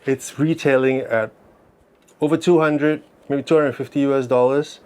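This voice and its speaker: A man's voice: mid-range voice, steady tone, normal speed, a little mellow, clear, resonant tone. A man whose articulation is slightly affected by wearing braces, explaining things casually in an unscripted review vlog and posing questions that he then answers. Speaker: amateur astronomy reviewer.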